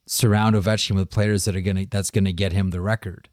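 A man's voice: low-pitched, flat delivery, quick pace, a little mellow, dry recording, studio quality. A man co-hosting a hockey podcast in casual chat, asking pointed questions and steering the talk onto the next topic.

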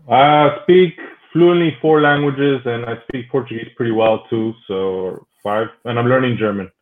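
Speaking unhurriedly in a medium pitch, this native Spanish speaker is a relaxed, chatty guest on an informal podcast interview. The audio comes through thin and phone-like.

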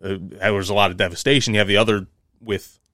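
Low-voiced man. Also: fairly even intonation, fast talker, a bit bright, no echo, clean studio sound. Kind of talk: casual chat.

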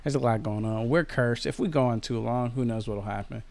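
A man's voice: mid-range voice, a little fast, creaky, a little mellow. A man co-hosting a casual podcast, joking and swearing loosely with his co-host. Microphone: home podcast mic.

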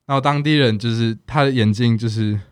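A man's voice: medium pitch, a little fast, smooth. A man, a native English speaker, chatting casually in fluent foreign-accented Mandarin with some English words mixed in. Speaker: podcast guest. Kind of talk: casual chat.

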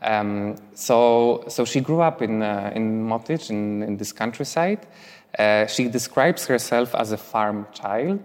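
A man's voice: on the low side, lively intonation, slow pace, long reverb tail. A young man from Poland, talking casually as a guest in a live stage interview, with many fillers. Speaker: interviewee, writer.

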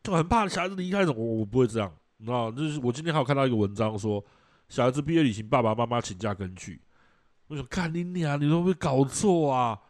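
A middle-aged man with a Taiwanese Mandarin accent, hosting a casual chat show, telling stories in a blunt, profane and animated way. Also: mid-range voice, quick pace, dry recording. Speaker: podcast host.

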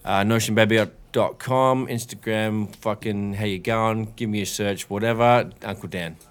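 A man's voice: on the low side, fairly even intonation, moderate pace. A man on a podcast panel bantering casually in a laid-back, slangy, sweary way. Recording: noticeable background noise with clicks.

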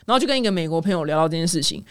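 A young woman with a Taiwanese Mandarin accent hosts a podcast, talking in an animated, teasing way with ranting asides. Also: sits low, very fast, clear, resonant tone, no room sound, studio quality. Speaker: podcast host. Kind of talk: casual opinionated commentary.

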